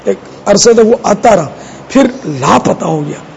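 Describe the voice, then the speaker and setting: A man's voice: high voice, expressive, gravelly, a little mellow, slight background noise, low-quality recording. A man preaching in a conversational storytelling style, addressing his audience. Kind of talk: sermon storytelling.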